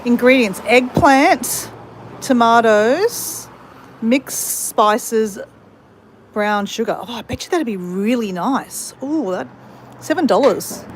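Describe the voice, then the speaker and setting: An Australian vlogger walks around a country town and along a creek, chatting straight to her viewers and calling them "guys." Her voice is on the high side with lively intonation, she takes her time, and there's a little hiss or hum.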